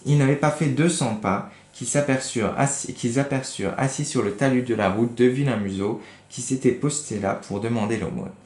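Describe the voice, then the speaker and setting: A man's voice: medium pitch, moderate pace, hardly any pauses, a little mellow. A man reading a children's book aloud, stopping to explain words and to correct his slips. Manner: stops to correct his misreadings. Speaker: reader. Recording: echoey room.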